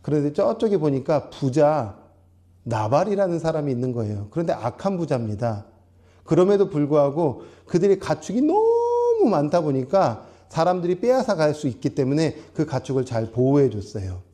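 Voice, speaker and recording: A male pastor preaching in a small church, with an animated, rising and falling delivery. His voice is warm and mellow, and he keeps turning to the congregation with questions as he explains each word. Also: a little high, moderate pace. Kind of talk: sermon.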